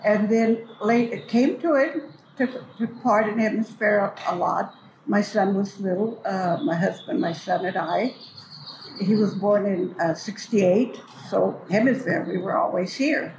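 In a big, echoey hall at a cultural building, an older woman, a storyteller and community elder, casually reminisces about her memories. Her voice is medium-pitched and unhurried. The echo is strong and background noise is clearly audible.

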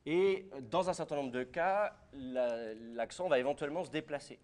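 A man's voice: a little high, normal speed, darkish tone. A man teaching a class, explaining step by step and putting questions to his students. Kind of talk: classroom lecture.

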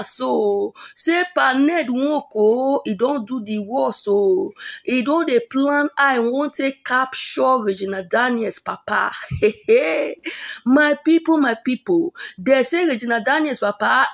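Gravelly Nigerian Pidgin gossip host woman. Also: high-pitched. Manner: animated, dramatic storytelling with repeated exclamations. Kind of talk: celebrity gossip commentary.

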